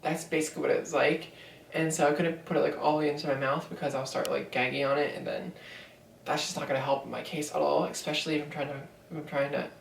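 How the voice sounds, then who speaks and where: A woman's voice: deep voice, steady tone, quick pace, vocal fry, distant mic, slight background noise. A young woman in her twenties telling a story in a casual vlog, rambling with lots of fillers. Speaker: vlogger. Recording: echoey room, voice from off mic.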